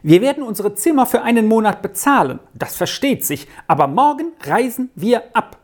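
A woman voicing an excitable, easily alarmed lady traveler in a storybook reading. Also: on the high side, moderate pace, voice pushed up. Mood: agitated. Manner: agitated, excitable.

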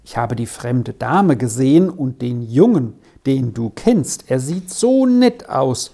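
A storybook reader voicing Sally, a lively young schoolgirl who talks quickly and eagerly. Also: medium pitch.

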